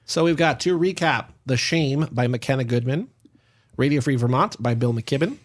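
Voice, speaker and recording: A man's voice: medium pitch, animated, moderate pace. A man co-hosting a podcast, casually chatting and leading with questions. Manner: inquisitive, leads with questions. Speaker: podcast co-host. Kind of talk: casual chat.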